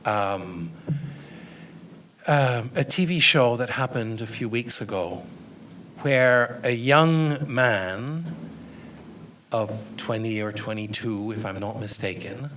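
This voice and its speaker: A middle-aged man answers a question in a lecture room, weighing his words and often pausing on fillers. His voice sits at an average pitch for a man. A faint steady hiss runs under the recording. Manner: thoughtful, hesitant with fillers and restarts. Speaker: guest lecturer.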